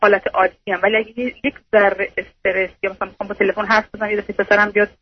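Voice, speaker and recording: A woman's voice: medium pitch, little pitch movement, lo-fi sound, slight background noise. A young woman calling in to an advice show, hesitant and unsure of herself. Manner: hesitant, self-doubting. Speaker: caller. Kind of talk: phone-in call.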